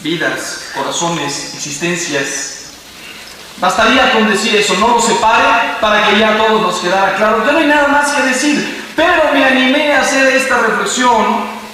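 A Mexican man in his fifties preaches from a distance in a big, echoey hall, and faint ambience hangs behind him. His voice sits high and bright, and he tells the story dramatically, rising to loud cries and falling to near hushes. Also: slight background noise. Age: 50s. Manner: storytelling, dramatic swings into loud exclamations then hushed drops. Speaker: priest. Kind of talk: sermon.

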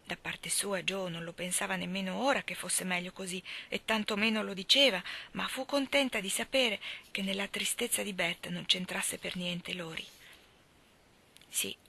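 A woman reading a classic novel aloud, with measured, expressive storytelling. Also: mid-range voice, gravelly, slightly rough. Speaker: reader.

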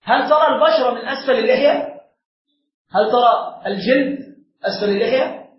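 In a classroom-style religious lesson, a male sheikh speaks briskly at an extremely high pitch, working through a text step by step and testing his seated listeners with questions. The recording is lo-fi and dull, with echo from the room.

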